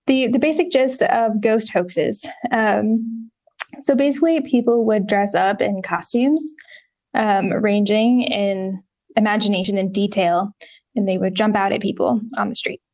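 A woman co-hosting a casual history podcast, talking in a relaxed way with lots of ums and the odd wry swear word. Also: medium pitch, unhurried. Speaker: podcast co-host.

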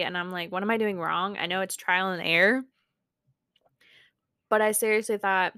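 A woman's voice: medium pitch, fairly bright tone, clean tone, no echo, studio quality. A young woman who runs a small craft business, talking in a casual, rambling vlog that keeps interrupting itself. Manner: rambling, self-interrupting and frank.

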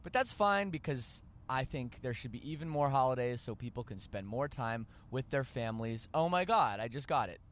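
A man's voice: medium pitch, animated, moderate pace, hardly any pauses, a little hiss or hum. A man with a Canadian accent hosting a podcast, rambling and joking as he corrects himself. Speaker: podcast host. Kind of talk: casual podcast chat.

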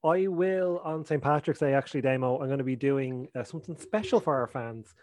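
A man's voice: mid-range voice, brisk, darkish tone. A man co-hosting a podcast in casual, rambling chat full of fillers and jokes. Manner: rambling, filler-heavy, jokey. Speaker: podcast co-host.

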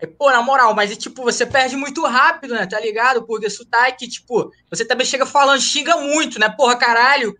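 Brisk and barely pausing, a sharp-toned man with a very high pitch jokes his way through the story of founding his running humor group. He's from Rio de Janeiro but was raised in Ceará, whose accent he has, and he speaks in a slangy, casual way during a call interview, repeatedly adding tag questions.

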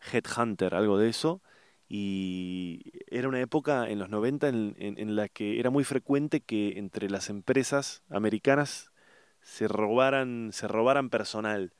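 A middle-aged male vlogger with an Argentine Spanish accent delivers a casual, rambling monologue, often hesitating as he searches for words. His voice is fairly low and clean, with no echo.

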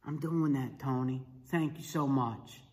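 A man's voice: mid-range voice, unhurried, a little mellow, in a large hall, lightly acted. A man acting out a dying old man on the phone. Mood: weak.

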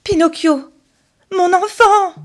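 A woman's voice: a little high, expressive, moderate pace, warm tone, pitched above the performer's own voice. A woman voicing an old male woodcarver, a loving and emotional father, in a storybook reading, with heartfelt exclamations. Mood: panicked.

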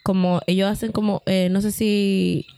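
A woman co-hosting a podcast in a mid-range voice. She talks in a relaxed, hesitant way, full of fillers and restarts as she works out her thoughts. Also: mid-range voice, normal speed, vocal fry, a little hiss or hum. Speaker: podcast co-host. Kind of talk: casual podcast chat.

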